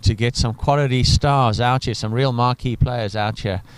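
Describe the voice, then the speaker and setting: A man's voice: medium pitch, fairly even intonation, moderate pace, clean tone, dry recording, poor audio. A man from Africa, giving chatty live cricket commentary full of enthusiastic asides. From South Africa.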